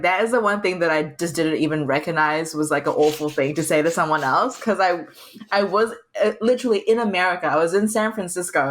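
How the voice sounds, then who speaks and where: Woman, podcast co-host, casual chat, animated storytelling. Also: fairly low pitch. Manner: animated storyteller, acts out quotes, swears freely.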